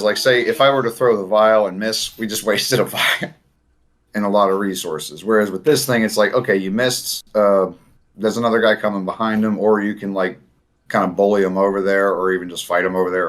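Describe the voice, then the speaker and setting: A man's voice: fairly low pitch, steady tone, brisk. A man chatting casually as a player in a tabletop game, rambling with many fillers and restarts.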